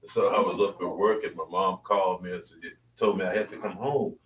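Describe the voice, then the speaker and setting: A man's voice: low voice, fairly even intonation, brisk, a bit bright. An older man in his seventies from Louisiana with a Southern US accent, telling his stories casually in conversation. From Louisiana, American South. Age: 70s. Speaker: interview guest. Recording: roomy, distant mic, faint background noise.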